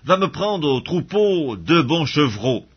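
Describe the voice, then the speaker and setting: A man's voice: on the high side, big pitch swings, slow pace, breathy edge, voice pushed up, heavily acted. A man reading the part of a scheming mother who urges her younger son, in an urgent, persuasive tone. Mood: urging. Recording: dull lo-fi audio.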